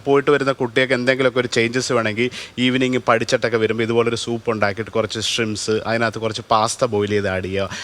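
A man's voice: medium pitch, fairly bright tone. A man demonstrating a recipe as a TV cooking show chef, explaining each step plainly, offering easy variations and mixing English cooking terms into his speech.

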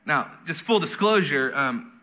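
Man, pastor, very bright voice, joking and casual sermon. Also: fairly high pitch, animated, moderate pace. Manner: conversational, self-deprecating humor.

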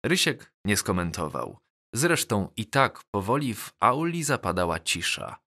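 Slow, bright-voiced male audiobook narrator. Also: lowish voice, very animated. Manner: measured, deliberate reading. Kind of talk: scripted first-person audiobook narration.

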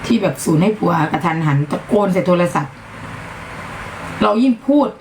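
A middle-aged woman from Northeast Thailand with an Isan accent, chatting bluntly through a live-stream sales pitch and scolding noise around her. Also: fast talker, echoey room. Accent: Isan Thai. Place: upper floor of a home.

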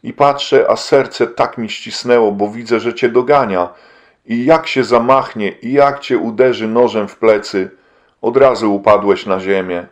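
A man's voice: lowish voice, measured pace, lightly acted. A man reading an audiobook and voicing an anxious, devout wife who speaks in an earnest, pleading way. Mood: urgent.

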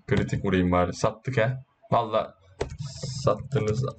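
A man giving casual, excitable gameplay commentary, boasting and swearing while urging his teammates on. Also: on the low side, a little slow, background noise. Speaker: gaming YouTuber.

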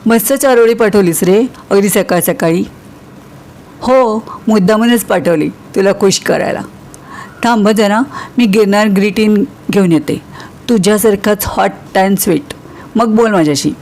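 A woman's voice: medium pitch, measured pace, darkish tone, lightly acted. A woman voicing a young woman in love who turns shocked and disbelieving, questioning and exclaiming. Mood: playful.

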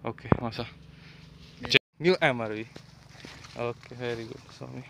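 A man's voice: mid-range voice, steady tone, slow, gravelly, very noisy. A man, an excavator mechanic, explains a hydraulic repair step by step at an outdoor worksite and calls short commands to a helper. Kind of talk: hands-on repair demonstration.

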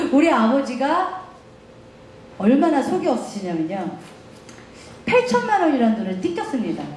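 Brief: middle-aged woman lecturer, lively and laughing, higher voice, echoey hall. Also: normal speed, a little hiss or hum. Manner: animated storytelling, laughing often. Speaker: guest lecturer.

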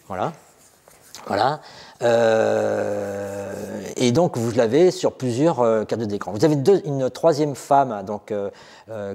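A middle-aged man with a lowish, slightly mellow voice guides visitors through an exhibition room indoors. His unscripted explanations are hesitant, packed with fillers and restarts, and the room is reverberant.

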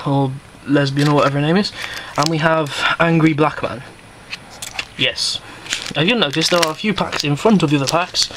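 Brief: guy, slightly higher voice, chatty and cheeky, unboxing vlog, faint hiss behind. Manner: rambling, chatty, cheeky and self-mocking. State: out of breath. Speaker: YouTuber. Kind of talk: casual unboxing commentary. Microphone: camera mic.

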